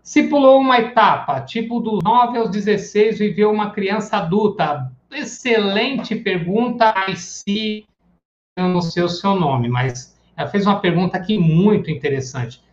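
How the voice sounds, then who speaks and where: A man's voice: sits high, unhurried, a little hiss or hum. A man teaching psychoanalysis in a live online lecture. He talks in a casual, chatty way and acts out everyday examples. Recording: echoey room, dull lo-fi sound.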